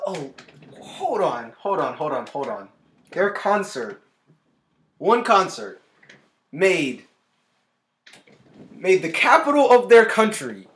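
A young man in his twenties hosting a music reaction video, excitable and often cutting himself off to react, recorded in a small room on a webcam. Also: high-pitched. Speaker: music reaction channel host. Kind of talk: casual reaction commentary. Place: small indoor room with a guitar on the wall.

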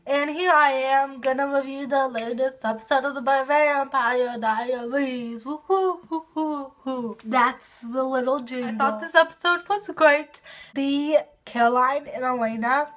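A woman doing a casual video review of a TV episode, gushing and excitable, with lots of fillers. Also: sits high, unhurried, a little hiss or hum.

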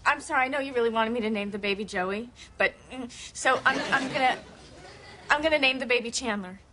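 An actress playing a sweet, earnest young woman in a sitcom, with drawn-out bubbly replies. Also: fairly high pitch, natural voice. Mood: sincere. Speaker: sitcom character. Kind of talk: sitcom acting. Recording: noisy TV audio with laugh track.

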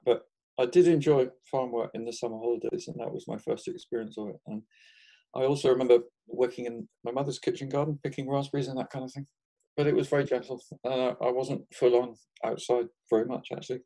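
A man in his sixties from England speaks as an interview guest in an easy, conversational way. His voice is mellow and warm at a middle pitch. He laughs softly between thoughts and often restarts his sentences. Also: steady tone, brisk. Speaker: guest market gardener.

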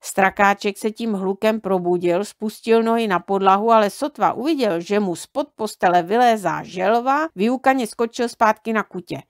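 Calm woman reading a children's story. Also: mid-range voice, few pauses, dry recording, studio quality. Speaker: audiobook reader.

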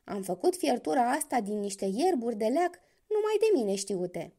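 A woman voicing a clever young male hunter in a spoken fairy tale, calm, sly and commanding. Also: fairly high pitch, breathy edge.

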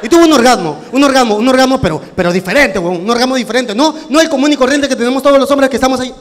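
High-voiced man doing crude stand-up. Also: rapid-fire. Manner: crude, animated storytelling with shouted bursts. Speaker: stand-up comedian. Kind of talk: stand-up comedy. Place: live comedy venue with audience. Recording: live hall with reverb, crowd noise.

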